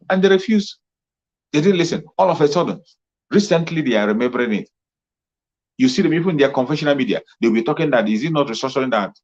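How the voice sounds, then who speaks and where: A fervent man speaks in a husky, slightly rough voice at a middling pitch, pressing his points again and again like a rallying commentator. The sound is muffled and lo-fi, with the top end dulled. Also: a little mellow. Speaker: political commentator. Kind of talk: impassioned political monologue. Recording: muffled lo-fi recording.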